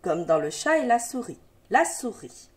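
A woman's voice: fairly high pitch, big pitch swings, moderate pace. A woman teacher guiding young children through a reading lesson, encouraging them and sounding out syllables patiently. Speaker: primary school teacher.

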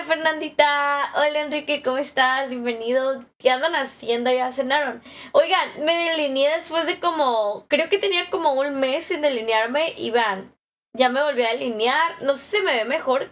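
A woman's voice: high voice, moderate pace, fairly bright tone. A young woman with a Mexican accent chatting casually on a live stream from home, greeting viewers by name and laughing easily into a phone camera held close.

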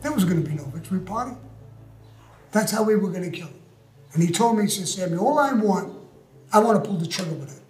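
In a recorded interview, an older male guest tells his story in a blunt, profane, tough-talking way. His high, darkish voice is animated and quick, with frequent pauses. Faint music and a roomy echo fill the background.

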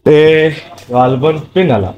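His voice sits on the high side and he speaks slowly, with the high frequencies cut off in the recording. A young Pothwari Punjabi-accented man walks a bustling outdoor bazaar, casually vlogging and greeting shopkeepers. Crowd and street noise surround him, recorded on a handheld camera at arm's length.

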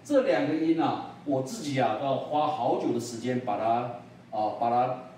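A man teaching an English pronunciation lesson, slow and deliberate, saying each word several times. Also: medium pitch, lively intonation, dark tone. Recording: echoey room, voice a little far from the mic, faint noise.

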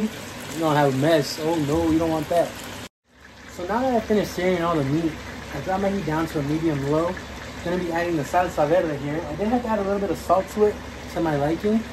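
A man hosting a casual cooking tutorial at home, chatty and encouraging as he talks straight to viewers. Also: fairly high pitch. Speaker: cooking channel host. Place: home kitchen. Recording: noisy kitchen with frying sounds. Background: food frying.

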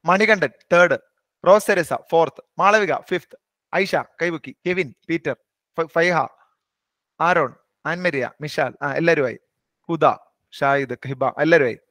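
A man teaching an online maths class. His voice is high and bright, and he talks quickly. The sound is close and dry, with no room around it. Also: no room sound. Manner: brisk, coaxing, teasing students by name. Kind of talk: live online class, questioning students.

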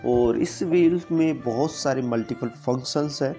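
In a voice-over review of woodworking tools, a man rambles and repeats himself often, packing his explanations with filler. His mid-range voice is mellow and moves at a normal speed, with faint music in the background.

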